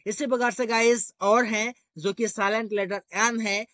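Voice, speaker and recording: A man's voice: high-pitched, level tone, moderate pace, a bit bright, no echo. A man teaching English grammar rules in a repetitive, explanatory way, often calling his viewers guys.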